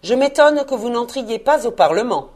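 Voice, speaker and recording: A woman voicing a stern, miserly old man who answers in clipped, gruff phrases. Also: fairly high pitch, animated, moderate pace, a little mellow, voice pushed up. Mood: curt.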